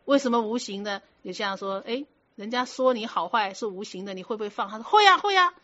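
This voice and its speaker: A woman's voice: mid-range voice, brisk. A woman giving a Buddhist dharma talk, instructing her students firmly and checking with rhetorical questions as she explains. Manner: conversational, rhetorical questions to the listeners; firm, instructive. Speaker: Buddhist teacher. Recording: muffled lo-fi recording.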